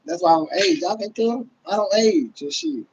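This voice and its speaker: Man in his thirties, high voice, swoops up and down, loud and profane, casual livestream, dull lo-fi sound. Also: expressive, normal speed, creaky, slight background noise. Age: 30s. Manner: loud, laughing, profane, talks to viewers as y'all. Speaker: livestream host.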